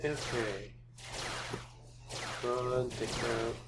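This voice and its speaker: Slow-talking man chatting through a game run. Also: medium pitch, steady tone, very noisy. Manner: calls out game progress between chatty asides. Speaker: speedrunner. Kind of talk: casual chat while playing.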